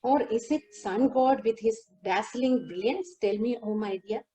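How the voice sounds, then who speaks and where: A woman giving a lecture demonstration over a video call, explaining song lyrics line by line and singing a few verses slowly. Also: fairly high pitch, warm tone, faint music behind, low-quality recording. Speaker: lecturer on Carnatic music. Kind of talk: lecture demonstration with sung lines.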